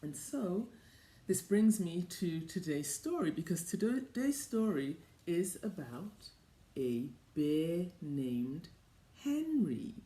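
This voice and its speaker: A woman presenting a story to children, speaking straight to them in simple questions with deliberate, emphatic phrasing. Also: lowish voice, big pitch swings, mellow. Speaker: host of a children's story and lesson show. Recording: roomy echo.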